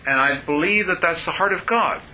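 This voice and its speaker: A man's voice: fairly high pitch, brisk, sharp tone, slight background noise, low-quality recording. A man leading a group discussion, earnest and emphatic, preaching his points. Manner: earnest, emphatic, addresses others by name. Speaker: discussion leader.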